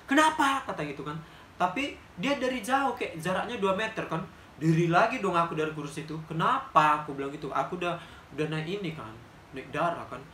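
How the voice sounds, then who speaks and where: A man with a Medan Indonesian accent telling a personal story in a blunt, animated vlog style. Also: on the high side, echoey room, a little hiss or hum. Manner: animated, blunt, fast-talking, acts out quotes. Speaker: vlogger.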